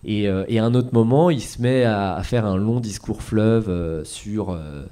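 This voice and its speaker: A man, a comics author, telling an audience about his work in a relaxed, hesitant way with many filler sounds. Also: fairly low pitch, a little slow, clean tone. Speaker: comics author at a library talk. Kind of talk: casual talk to an audience.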